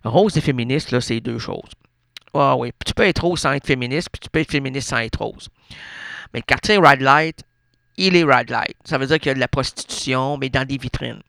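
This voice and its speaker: A man's voice: mid-range voice, normal speed, creaky, sharp tone, no room sound, clean studio sound. A man with a Québécois French accent, a radio host telling a rambling comic monologue full of absurd asides and self-interruptions. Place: radio studio.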